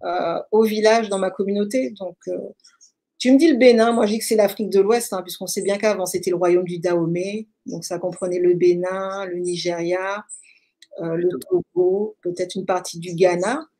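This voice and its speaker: French woman guest, warm low-key tone with a bit of husk, chatty and reflective, lots of euh. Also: normal speed. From France. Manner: reflective, animated storytelling with many fillers. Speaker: interview guest. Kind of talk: casual conversational storytelling.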